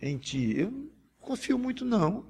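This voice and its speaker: Guy preaching, gravelly and a bit husky, pleading and earnest, keeps restarting his words. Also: high voice, big pitch swings, moderate pace, mellow. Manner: earnest, pleading, with many restarts and self-corrections. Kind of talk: sermon with a spoken example prayer.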